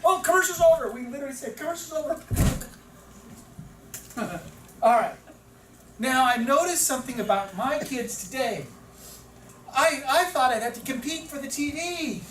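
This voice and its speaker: A man in his fifties tells lively stories as he lectures a class of teachers. His voice carries from a distance in an echoey room. Steady noise hangs behind him. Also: extremely high pitch, moderate pace, pauses often. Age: 50s. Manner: animated storytelling, repeats words for emphasis. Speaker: teacher trainer. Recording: echoey room from far off, noisy.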